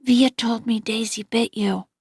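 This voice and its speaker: Gentle tearful young boy, as a woman reads him. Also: a little high, steady tone, unhurried, breathy edge, dry recording, clean studio sound. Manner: soft, pleading questions.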